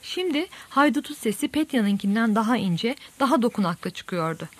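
A woman reading a novel aloud as an audiobook narrator, in a steady, measured storytelling manner. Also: on the high side.

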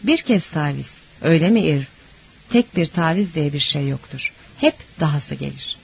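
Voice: mid-range voice, animated, moderate pace, creaky, a little hiss or hum, pitched below the performer's own voice. A reader voicing a scornful, blunt woman. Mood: weary. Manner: scornful, scolding. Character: blunt, fierce woman with cancer.

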